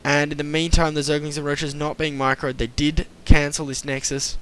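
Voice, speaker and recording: A man's voice: fairly high pitch, flat delivery, a bit bright, clear, resonant tone. Chatty young man casting an esports match. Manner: chatty, self-mocking, quick asides. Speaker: esports caster. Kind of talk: play-by-play commentary.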